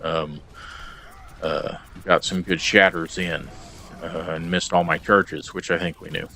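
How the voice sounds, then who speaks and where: A man's voice: low voice, level tone, a little slow, bright, forceful tone. A man recording a casual video log about his game stats, rambling and hesitant with plenty of ums and uhs. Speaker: gamer vlogger.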